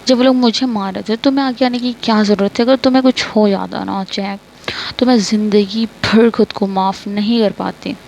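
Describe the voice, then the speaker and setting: A woman's voice: medium pitch, steady tone, moderate pace, creaky, a little mellow, slight background noise, natural voice. A woman voicing a stern, protective young woman who scolds and orders her friend to rest, in a storybook reading. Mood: worried. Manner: scolding, bossy.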